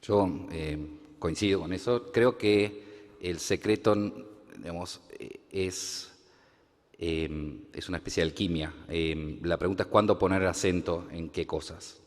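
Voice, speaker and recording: Panelist, male, very deep voice, hesitant, in a reverberant hall. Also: unhurried. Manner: hesitant, frequent fillers. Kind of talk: panel discussion. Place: conference hall.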